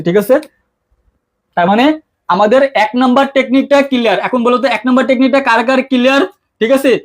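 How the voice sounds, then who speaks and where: A man teaching an English grammar lesson, constantly asking his students questions and answering them himself in a casual, colloquial way. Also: very high voice. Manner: quick-talking, keeps asking students questions; colloquial, mixes English terms into speech. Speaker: English tutor. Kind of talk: online exam-prep lesson.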